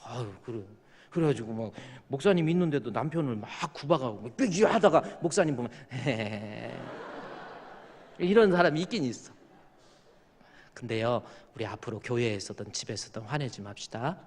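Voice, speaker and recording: A male pastor preaching a sermon, joking with the congregation and rising to loud, fervent prayer. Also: mid-range voice, expressive, moderate pace, slight background noise. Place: church sanctuary. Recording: church hall with long reverb.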